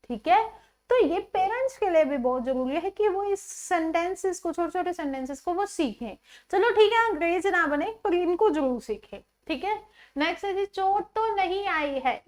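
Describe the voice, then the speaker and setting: Female English tutor with a high voice, explains patiently and repeats phrases slowly. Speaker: English teacher. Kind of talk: classroom-style spoken English lesson.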